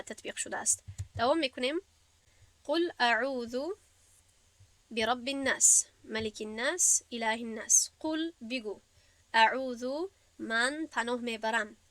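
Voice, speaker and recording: A woman teacher walks through a grammar lesson with patient, step-by-step explanations. Her voice sits a little high. She is recorded dry and close, with almost no room sound. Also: a bit bright, dry recording. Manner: patient, step-by-step explaining, recites verses slowly. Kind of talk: classroom lesson.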